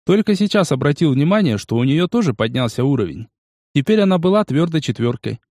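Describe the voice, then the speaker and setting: Measured male audiobook narrator. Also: fairly high pitch, sing-song, a little mellow, no echo, studio quality. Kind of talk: first-person audiobook narration.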